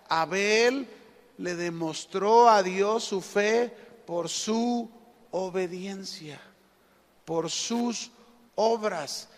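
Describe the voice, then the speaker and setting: A man with a Mexican accent preaching a sermon, telling stories animatedly and asking the congregation questions. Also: high-pitched. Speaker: pastor. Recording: echoey hall reverb.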